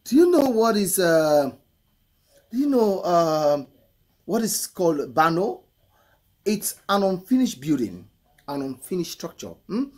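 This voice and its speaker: A middle-aged man with a husky voice, reacting to a song in casual commentary and repeating phrases for emphasis. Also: sits high, sing-song, measured pace, long pauses, darkish tone. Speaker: music reaction host. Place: indoor room, photo-covered wall. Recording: music playing faintly behind. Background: hip hop song.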